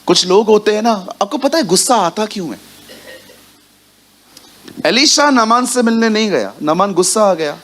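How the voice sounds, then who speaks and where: A male preacher gives a sermon to a church congregation, his voice sitting a little higher than most men's. He is lively and engaged, and he keeps turning to the listeners with direct questions as he speaks. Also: moderate pace, long pauses.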